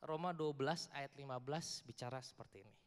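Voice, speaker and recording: A man's voice: mid-range voice, a little fast. A man giving a casual youth sermon, joking and quizzing the audience while mixing in English words. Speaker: youth preacher. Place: large church hall before a youth audience. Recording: long echoing hall reverb.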